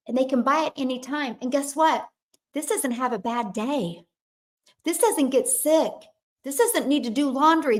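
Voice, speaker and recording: A woman's voice: high-pitched, fairly bright tone. A woman gives an emphatic motivational talk, repeating lines for effect and acting out her own past thoughts. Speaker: motivational speaker.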